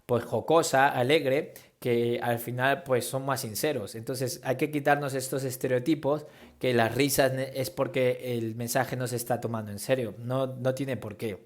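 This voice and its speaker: A man's voice: medium pitch, steady tone, normal speed. Spanish man teaching public speaking. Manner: conversational, demonstrates tones and gestures while explaining. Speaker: preaching workshop teacher. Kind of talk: instructional talk on public speaking.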